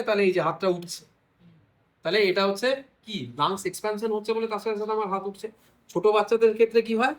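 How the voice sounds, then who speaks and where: A man's voice: high voice, fairly bright tone, poor audio. A man teaching children's medicine at a hospital bedside, explaining in a casual way and asking and answering his own questions. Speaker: paediatrics teacher.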